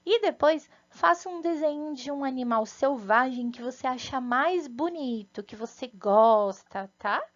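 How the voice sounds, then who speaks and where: A Brazilian teacher speaks slowly and gently to small children, her voice a little high. She keeps asking if they follow along. The recording sounds dull and lo-fi. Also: animated. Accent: Brazilian Portuguese. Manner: slow, patient and sing-song, with frequent "né?" and "tá?" checks. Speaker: first-grade teacher. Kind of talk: recorded remote lesson for young children.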